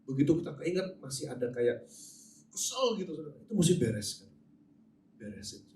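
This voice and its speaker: A man's voice: a little high, very animated, fairly quick, warm tone, a little hiss or hum. A man preaching a sermon as pastor, talking conversationally and animatedly, often turning to address the congregation directly. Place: large church hall. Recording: roomy echo, voice from some distance.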